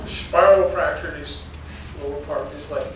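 An older geology professor gives a public slide talk full of stories, his voice a little high and his speed normal. He's folksy and anecdotal, chuckling between tales, in a darkened lecture hall before an audience. The hall is very echoey, the mic distant, with faint noise.

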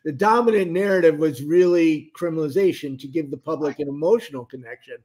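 Brief: male live-stream host, high voice, loose rambling delivery with lots of restarts. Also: quick pace, darkish tone. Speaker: livestream host. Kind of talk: casual live-stream talk.

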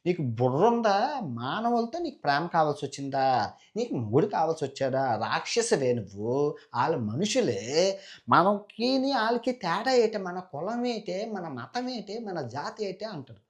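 A man voicing a raging demon king who scolds and shouts insults at his sister. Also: sits high, big pitch swings, moderate pace, voice pushed up. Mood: furious. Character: raging demon king, Hidimbi's older brother.

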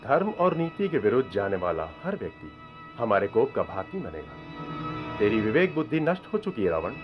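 A man's voice: fairly low pitch, sing-song, normal speed, muffled recording. A man playing a stern, righteous guru of the gods, solemnly condemning in a mythological TV drama. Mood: solemn condemnation. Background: background music.

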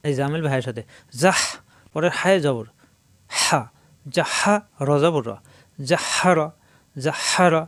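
A male teacher giving a step-by-step Quran reading lesson, slowly sounding out letters and syllables and repeating each one with explanations. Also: fairly high pitch, expressive, fairly bright tone, no room sound. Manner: slow, repetitive drilling of syllables with explanations.

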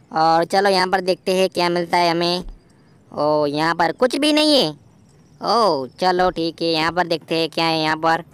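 A man voicing an excitable, jokey young male game hero in a playful gameplay voiceover, full of exclamations. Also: high-pitched, smooth, no room sound. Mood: chatty. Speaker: gameplay commentator voicing a character.

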